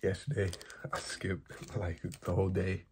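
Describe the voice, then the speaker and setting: A young man in his late teens chatting casually in a soft, close-up fast ASMR style, rambling and slangy, slightly under the weather. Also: low voice, monotone. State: getting over an illness. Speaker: ASMR video maker. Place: bedroom, indoors. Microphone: close, at arm's length from camera. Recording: loud noise of clicks and handling.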